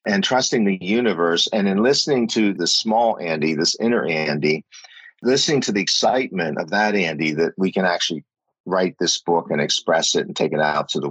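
A middle-aged man, a former company chief and novelist, reflects thoughtfully as an interview guest, with many fillers and restarts. His voice is low-pitched and fairly bright; the audio is poor but has no echo.

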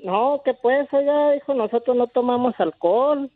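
A man's voice: very high-pitched, normal speed, no echo, faint music behind. A man calling in to a radio show and telling a joke, acting out the quotes as he goes. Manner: storytelling with voiced quotes. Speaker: caller. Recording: tinny phone line.

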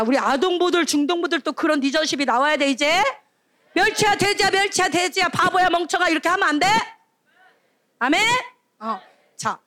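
A female junior preacher giving a lively sermon to children and teens, asking the room questions and acting out scolding voices. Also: high-pitched, dry recording. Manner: animated, calls out questions and acts out scolding voices. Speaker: junior preacher at a youth retreat.

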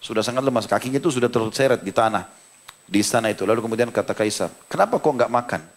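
A man's voice: fairly low pitch, steady tone, rapid-fire. A male preacher from Indonesia giving a sermon, telling a story dramatically and then explaining scripture to his listeners. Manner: dramatic storyteller, voice rising and dropping with the tale. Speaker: Islamic preacher.

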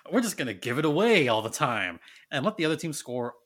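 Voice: mid-range voice, very animated, fast talker, fairly bright tone. A podcast guest analyzing hockey in a casual chat.

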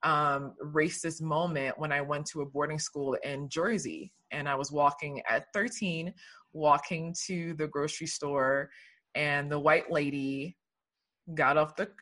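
A woman's voice: deep voice, fairly even intonation, unhurried, a bit bright. A woman from Liberia, a guest telling her story in an earnest, reflective way during a casual conversation.

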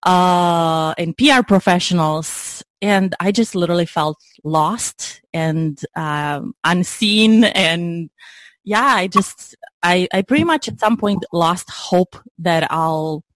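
A woman's voice: on the low side, slow pace, dry recording. A woman, chatting as an interview guest, laughing easily and restarting her sentences. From Romania. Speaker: guest, LinkedIn branding consultant. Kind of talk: casual interview chat.

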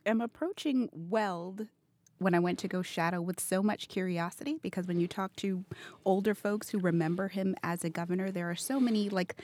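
A young woman reporter giving a quick, fluent account of her field reporting in a casual chat. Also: lowish voice, darkish tone. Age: young adult. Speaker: news reporter.

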